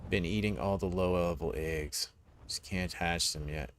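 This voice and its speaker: Laid-back low-voiced young gaming streamer. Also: male voice, fairly even intonation, measured pace, a little hiss or hum. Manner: laid-back, rambling, peppered with dude and man. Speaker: game streamer. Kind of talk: casual gaming chat and storytelling.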